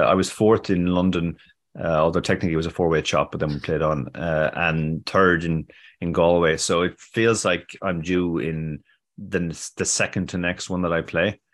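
Low-voiced man with halting, stammered delivery. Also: a bit bright. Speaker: podcast co-host. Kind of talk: casual chat.

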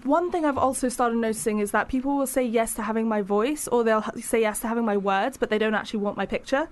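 A woman with a fairly high voice talks quickly as a podcast guest in a casual conversational interview. She's frank and chatty and speaks her mind.

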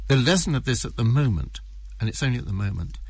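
A man giving analyst commentary in an interview, setting out his points deliberately, one by one. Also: medium pitch, sing-song, darkish tone, slightly rough, no echo. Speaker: defence analyst.

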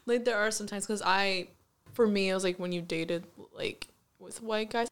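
A woman from North America chatting casually in a group, hesitant and halting in her phrasing. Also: mid-range voice, smooth.

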